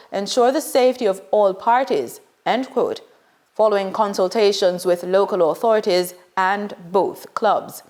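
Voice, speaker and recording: A woman anchoring a news bulletin, reading in a measured, scripted way. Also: mid-range voice.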